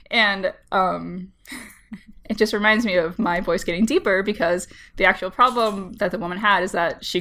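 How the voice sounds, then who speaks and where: A woman co-hosting a podcast in casual chat, with vocal fry, a slight cold and a giggly, halting, informal manner. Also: mid-range voice, a bit bright. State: has a slight head cold. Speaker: podcast co-host.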